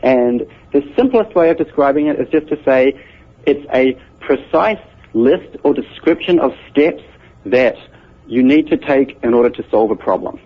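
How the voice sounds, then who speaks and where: A computer scientist with a New Zealand accent is interviewed, explaining concepts patiently and methodically in an animated, medium-pitched voice. He moves at a moderate pace with a breathy edge, heard over muffled radio audio.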